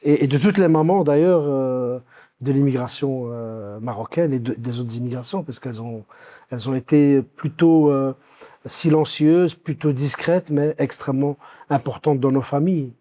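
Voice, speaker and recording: A Belgian-born man in his fifties recounts his life story as an interview guest, speaking hesitantly with plenty of pauses, fillers and restarts. His voice is medium-pitched and warm.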